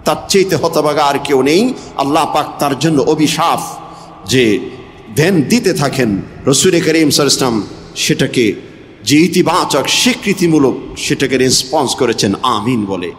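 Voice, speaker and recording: A man's voice: mid-range voice, animated, moderate pace, long reverb tail, a little hiss or hum. A man preaching a Bengali waz sermon, repeating phrases in rhythm and swinging his voice up and down for emphasis. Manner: rhythmic repetition, voice rising and falling for emphasis.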